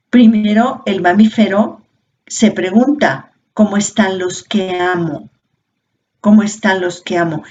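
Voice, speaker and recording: Slow, unhurried woman teaching a workshop. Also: mid-range voice, a little mellow. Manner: unhurried, explains with rhetorical questions. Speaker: workshop facilitator. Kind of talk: informal teaching talk. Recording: dull lo-fi audio with faint noise.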